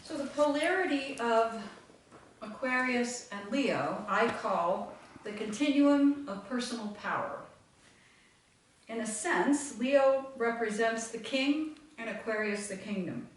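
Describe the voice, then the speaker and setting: A woman with a fairly high voice and lively intonation speaks slowly while leading a full moon meditation group in a meeting room. She talks reflectively to the live audience, rambling with many fillers. The audio is echoey and distant from the mic, with slight background noise.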